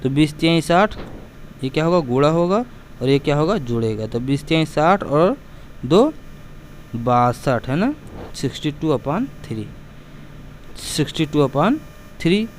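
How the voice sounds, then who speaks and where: Man, math teacher, patient and repetitive, fairly high voice, faint traffic noise behind. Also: expressive, a little slow, pauses often. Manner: patient, repetitive, addresses students as beta. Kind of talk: explaining math lesson to students.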